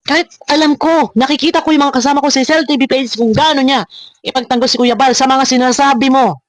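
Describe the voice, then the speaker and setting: High-voiced woman ranting on camera. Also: steady tone, a little fast, no room sound. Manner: confrontational, repetitive, rhetorical questions. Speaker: reaction video host. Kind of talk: ranting reaction commentary.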